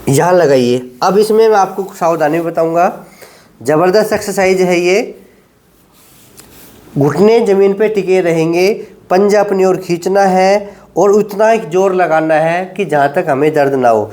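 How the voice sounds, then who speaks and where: A middle-aged male yoga teacher with a fairly high voice leads a knee exercise lesson. He gives firm, practical directions and checks in often with short confirmations. He counts out each hold slowly and steadily. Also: darkish tone. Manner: directive, repeats "ठीक है" often, counts slowly during holds.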